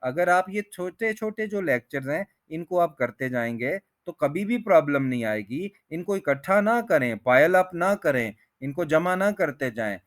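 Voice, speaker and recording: A man's voice: fairly high pitch, lively intonation. Male teacher reading examples word by word. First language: Urdu. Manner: reads example sentences word by word, slow and deliberate. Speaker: English teacher. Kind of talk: language lesson explanation.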